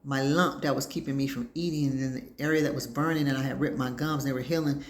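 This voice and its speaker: A woman's voice: very deep voice, fairly even intonation, fast. A woman hosting her own talk show, telling rambling stories in casual chat and acting out what people said. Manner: chatty storyteller, acts out quoted dialogue.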